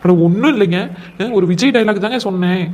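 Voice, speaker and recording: A woman's voice: mid-range voice, fast, a little mellow, close to an everyday voice. Woman playing a wronged young cartoon daughter-in-law. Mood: aggrieved. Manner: complaining, plaintive. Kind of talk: comic cartoon voice acting.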